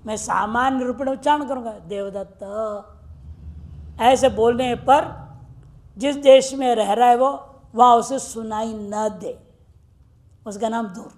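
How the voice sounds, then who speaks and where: High-voiced woman teaching Sanskrit grammar. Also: a little mellow. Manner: asks the class questions and recites Sanskrit rules slowly. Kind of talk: classroom lecture explaining grammar.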